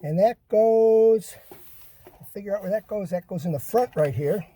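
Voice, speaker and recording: A middle-aged man with a high-sitting, dark-toned voice speaks at normal speed, thinking aloud in a folksy, casual way. He hosts a DIY car project, narrating a hands-on job inside a vehicle cabin with the doors open, with clear background noise and handling clicks in the recording.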